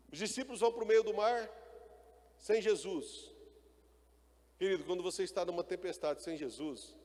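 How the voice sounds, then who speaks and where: A man's voice: sits high, darkish tone, big-room sound. A male pastor preaching a sermon, calling out to the congregation and building to emphatic bursts. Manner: preaching with call-and-response and rising emphatic bursts.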